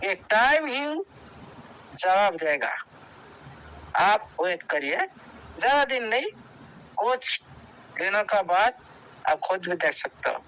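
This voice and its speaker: A man speaking in an online meeting, urging his listeners to take decisions, talking in repetitive, halting bursts with restarts. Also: high-pitched, lively intonation, pushed and bright, low-quality recording. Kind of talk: motivational speech to a group. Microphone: video call.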